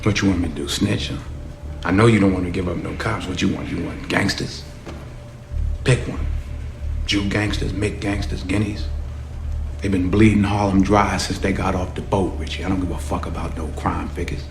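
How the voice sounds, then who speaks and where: A proud gangster boss in a crime film, with a low, gravelly voice. He talks cocky and streetwise, with defiant menace, in an echoey room over background music. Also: steady tone, normal speed. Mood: provoking. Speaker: crime boss under interrogation. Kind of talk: film drama acting.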